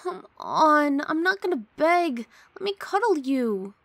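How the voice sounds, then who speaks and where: This woman's voice sits high and a bit bright, with big pitch swings, a measured pace and heavily acted delivery. Recorded dry on a close studio mic, she performs an intimate one-sided ASMR roleplay as a young female roommate who is grumpy but fond, huffing and teasing sardonically.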